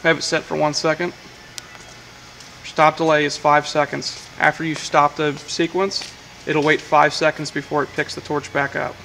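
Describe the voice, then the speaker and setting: A welding equipment technician in a workshop gives a hands-on demo of a control panel at normal speed, flat and matter-of-fact, with frequent "uh"s. His voice is gravelly and somewhat high. The camera mic yields a rough recording with faint shop noise behind him.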